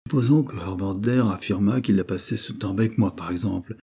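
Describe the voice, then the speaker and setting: A man voicing a calm, grave young man who patiently explains the law, with a husky low voice. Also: fairly quick.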